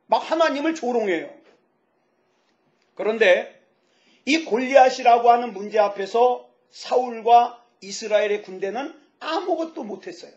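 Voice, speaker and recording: A pastor in his fifties preaching a sermon, lively and joking, asking the audience questions. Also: very high-pitched, moderate pace. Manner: lively, asks the audience questions, jokes about himself. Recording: dull lo-fi sound.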